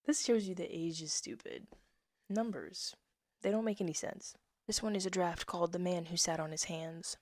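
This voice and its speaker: A woman in her 20s reads her own old poems casually, adding asides along the way. Her low, hushed voice is captured on a dry close mic with no room sound, at a moderate pace. She is soft-spoken, slips into whispers, and laughs at herself.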